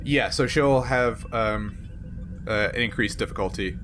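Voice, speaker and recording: A man with a lowish, unhurried voice acts as game master, narrating and refereeing a tabletop game in an improvised, explanatory style. Music plays behind his voice, along with some background noise.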